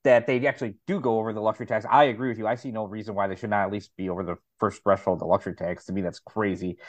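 A man's voice: lowish voice, steady tone, racing, dry recording, muffled recording. A man co-hosting a sports podcast, hedging and agreeable, with many fillers. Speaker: podcast co-host. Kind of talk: casual sports podcast chat.

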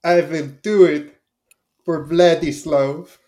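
A man's voice: a little high, steady tone, slow pace, mellow. A man playing an earnest, vengeful young eater. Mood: solemn. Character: determined young male Soviet eater, vengeful.

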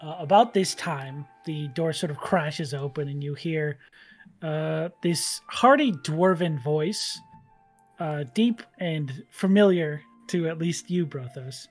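A woman's voice: sits low, slow pace, soft background music. A woman narrating an improvised tabletop game as game master, playful and wry.

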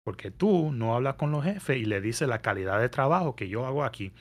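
Animated man telling stories. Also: medium pitch, brisk. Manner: animated storytelling, mixes English words into Spanish. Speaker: podcast guest. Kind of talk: casual podcast chat. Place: New York area.

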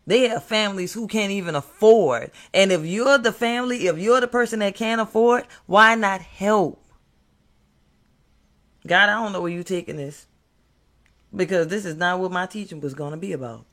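An American man preaches like a doomsday street preacher, with a forceful, bright voice set a little high. He speaks off the cuff, hammering phrases by repeating them and addressing his listeners directly. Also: fairly quick. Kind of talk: impromptu fiery sermon warning of judgment, like a doomsday street preacher.

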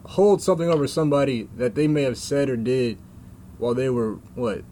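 A young man in casual conversation, making his points in a measured, thoughtful way. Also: mid-range voice, mellow, slight background noise. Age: young adult. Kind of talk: casual chat.

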